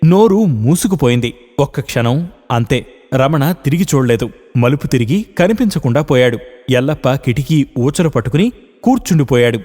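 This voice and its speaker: A man narrating a short story for a radio program in an expressive storytelling manner. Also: medium pitch, moderate pace, in a large hall.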